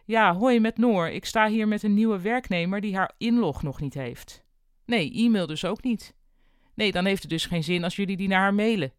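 Reader as a young woman receptionist, brisk, friendly, practical, dry storybook read. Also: mid-range voice, clean tone, no room sound, voice pushed up, lightly acted. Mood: brisk, helpful.

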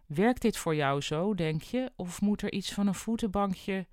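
Reader as a young woman receptionist, brisk, friendly, practical, dry storybook read. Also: mid-range voice, expressive, a little mellow, no room sound, lightly acted. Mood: brisk, helpful.

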